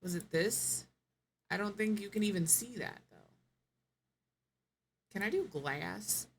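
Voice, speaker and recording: A woman's voice: mid-range voice, lively intonation, takes it slowly, a little hiss or hum. A woman streamer giving casual live gameplay commentary, thinking aloud, musing and correcting herself as she goes.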